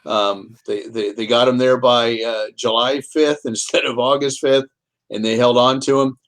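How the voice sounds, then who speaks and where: A man's voice: medium pitch, steady tone, normal speed, fairly bright tone. A man, an author and guest, telling stories in a casual chat, rambling with repeats and restarts. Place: home, Kansas City.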